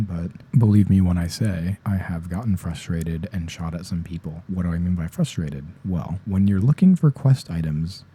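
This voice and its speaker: A young man rambling softly in a casual ASMR chat, sleepy and tired-voiced, often dropping into whispers. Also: low voice, slightly rough. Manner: rambling, slips into whispers, self-deprecating. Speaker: ASMR creator. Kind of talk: soft-spoken ASMR ramble.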